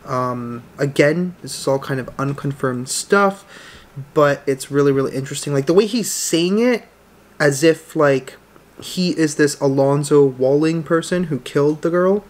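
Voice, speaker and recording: A man in his thirties giving casual, excitable, sweary reaction commentary as a video host in a small home office. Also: a little high.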